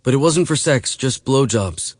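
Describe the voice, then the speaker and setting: A man reading an audiobook voices a frightened, skinny nineteen-year-old runaway boy who speaks in halting, broken phrases and cries. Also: mid-range voice, animated, no echo, studio quality, pitched above the performer's own voice, lightly acted. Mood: nervous. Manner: halting, fragmented speech, crying.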